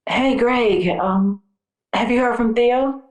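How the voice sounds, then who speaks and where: A worried wife on voicemail. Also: female voice, a little high, darkish tone, reverberant. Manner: anxious, halting, with hesitant fillers. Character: worried wife leaving voicemails for missing husband.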